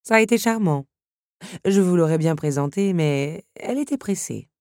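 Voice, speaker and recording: A woman's voice: lowish voice, expressive, normal speed, darkish tone, no room sound, clean studio sound. A woman voicing a haughty, elegant countess who speaks in a lofty, theatrical way. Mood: grand. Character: haughty elegant older countess, grand and gushing.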